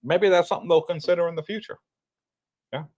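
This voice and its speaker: A man around sixty co-hosting a casual livestream, talking in a relaxed, rambling way with frequent chuckles. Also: a little high, quick pace. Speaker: livestream co-host.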